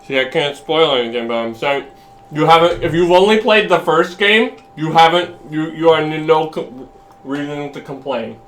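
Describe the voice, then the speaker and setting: A man's voice: fairly high pitch, animated, normal speed, a bit bright. A man streaming, arguing casually and emphatically with a friend and swearing freely.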